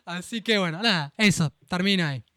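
A man's voice: sits high, a little fast, bright, forceful tone, no echo, clean studio sound. A young man with a Rioplatense Argentine accent, co-hosting a literary radio show, giving a hesitant book commentary full of restarts. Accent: Rioplatense Argentine Spanish. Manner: hesitant, repeats and restarts words.

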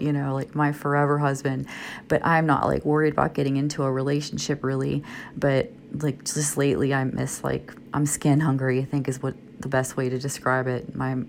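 A woman's voice: darkish tone, slight background noise. A middle-aged woman with a groggy, sleepy voice, talking candidly and confidingly in a rambling, hesitant monologue. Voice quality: low, creaky. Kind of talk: intimate, candid personal monologue. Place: in bed at night, indoors.

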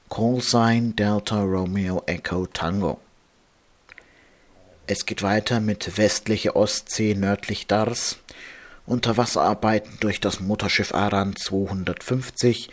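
Slow, low-pitched man reading marine radio warnings. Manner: measured, formal, spelling out with phonetic alphabet.

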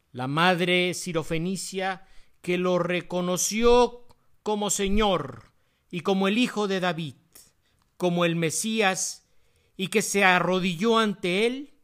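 A man preaching a sermon, citing chapter and verse in quick, lowered asides and leaning into key phrases with rising emphasis. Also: fairly bright tone.

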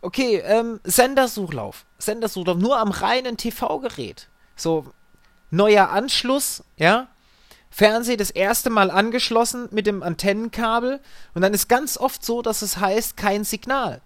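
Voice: medium pitch, measured pace, no room sound. A tech support worker telling customer stories in a slangy, exasperated, chatty way. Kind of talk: casual storytelling.

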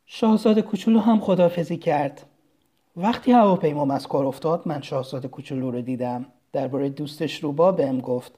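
Calm, mellow storybook narrator. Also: mid-range voice.

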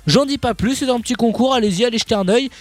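A man hosting a radio show in lively banter, chatty and teasing, often repeating himself. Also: very high-pitched, quick pace.

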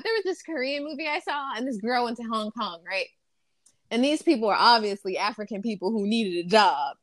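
A woman's voice: mid-range voice, dry recording. Blunt woman in a dry, close recording. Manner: frank and blunt, swears freely. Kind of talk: casual conversation.

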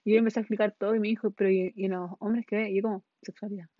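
A woman's voice: mid-range voice, little pitch movement, racing, dark tone, no echo. A young woman with a Chilean accent tells a story in a loose, scattered way, heavy with slang and laughter. Her voice sits mid-range and sounds dry and close. The recording is dull and lo-fi. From northern Chile. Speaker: podcast host. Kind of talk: casual storytelling monologue.

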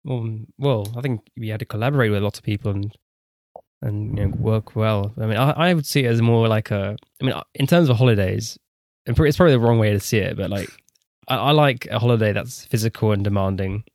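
A man's voice: lowish voice, fairly quick, a little mellow, no room sound, clean studio sound. A young man with an English accent hosting a casual podcast chat, rambling through his thoughts with many restarts. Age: young adult. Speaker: podcast host.

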